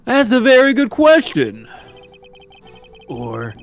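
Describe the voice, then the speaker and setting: A man voicing a dry, sarcastic young male investigator in an improvised comedic fan dub, deadpan and teasing. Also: very high-pitched, slow pace, faint music behind, full character voice.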